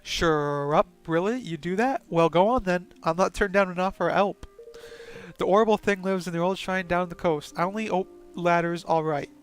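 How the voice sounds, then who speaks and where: A man voicing a gruff, folksy male village elder, reading his lines aloud in a plain voice. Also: sits high, moderate pace, soft background music, close to an everyday voice.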